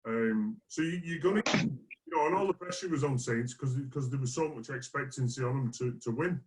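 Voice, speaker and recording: A man's voice: mid-range voice, brisk, noisy background. A man speaking earnestly as a player in a casual sports discussion, repeating phrases for emphasis. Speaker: rugby league player guest.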